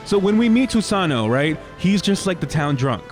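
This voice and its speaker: A man's voice: high-pitched, sing-song, normal speed, over music. A man co-hosting a gaming podcast, giving casual, joking, rambling commentary while playing.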